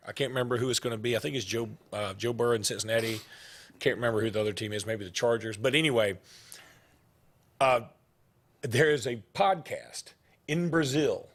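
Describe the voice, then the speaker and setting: Casual and meandering, this middle-aged man hosts a sports talk show and wanders from story to story, with his pitch leaping up whenever he gets excited.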